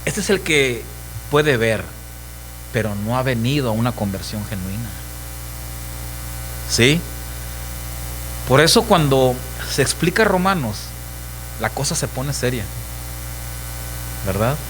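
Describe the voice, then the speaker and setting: A man's voice: medium pitch, animated, slow, pauses often, a bit bright, a little hiss or hum, low-quality recording. A middle-aged pastor with a Mexican accent preaching a sermon emphatically, asking his congregation questions and acting out voices. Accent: Mexican Spanish.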